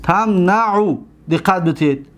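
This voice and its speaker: A man with a high voice teaches a grammar lesson, slowly repeating word forms and asking his own questions.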